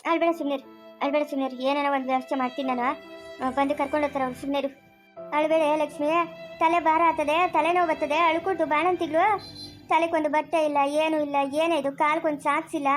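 An actress with a rural Chikkaballapur Kannada accent playing a kind neighbor woman who gently comforts a crying new mother. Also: sits high, little pitch movement, quick pace, faint music behind, natural voice. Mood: comforting.

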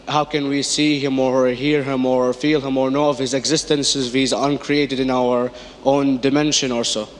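A man's voice: mid-range voice, slight background noise. A man from Iraq asking a question from an audience, hesitant with many fillers. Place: lecture hall audience.

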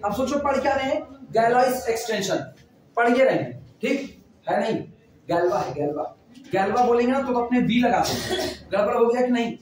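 A man's voice: very high-pitched, fairly quick, slight background noise. A man teaching math in a classroom, chatting and repeating phrases as he dictates notes. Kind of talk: classroom lecture. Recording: echoey room, mic far off.

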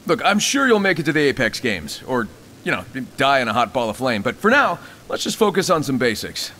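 A man's voice: medium pitch, sing-song, fairly quick, sharp tone, slight background noise. An actor voicing a cocky, wisecracking male squadmate who coaches a rookie through a game tutorial with teasing jokes. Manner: teasing, joking, bouncy delivery. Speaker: tutorial guide character. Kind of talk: game voice acting.

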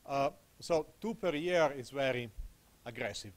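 His medium-pitched voice moves a little slowly as he gives a technical conference talk in a small room through a handheld microphone. He's an Italian man in his thirties with an Italian accent. Casual and conversational, he often checks in with "okay?"

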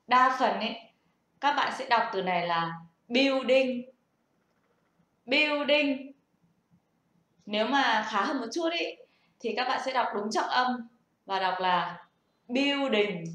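A woman's voice: on the high side, animated, normal speed, pushed and bright. Young woman explaining, echoey. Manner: patient, explanatory, asks the listener rhetorical questions. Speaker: self-taught English learner sharing tips. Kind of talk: casual spoken lesson. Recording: echoey room.

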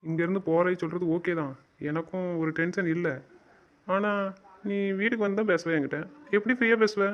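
A man's voice: high-pitched, steady tone, brisk. A man in a romantic audio drama, scolding and teasing his partner in a bossy way. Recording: dull lo-fi recording.

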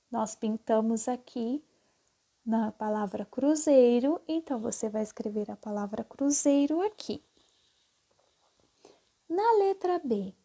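A woman's voice: on the high side, mellow. A woman teacher, patiently walking young pupils through textbook exercises step by step. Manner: slow, patient, repeats steps with "tá?". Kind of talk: classroom lesson explaining exercises.

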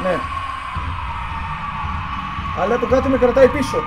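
A man streaming a horror game, yelling in panic and swearing. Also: very high voice, crowd noise. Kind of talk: screaming live gameplay reactions. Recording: game music playing behind.

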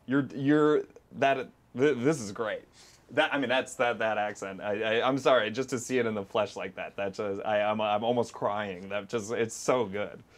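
A man's voice: fairly low pitch, steady tone, moderate pace, lightly acted. A man playing a clueless talent agent who stammers and rambles, repeating himself as he talks. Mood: gushing.

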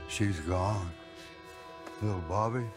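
An older male actor playing a bewildered, grieving family patriarch with halting speech in a video game. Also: on the low side, soft background music. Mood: grieving, stunned. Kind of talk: game cutscene acting.

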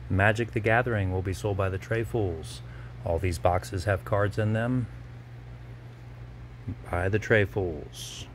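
Brief: lower-voiced man, brisk auctioneer walkthrough, phone-filmed, faint background hum. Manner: brisk item-by-item listing. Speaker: auctioneer previewing lots. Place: large auction gallery warehouse. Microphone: handheld phone camera.

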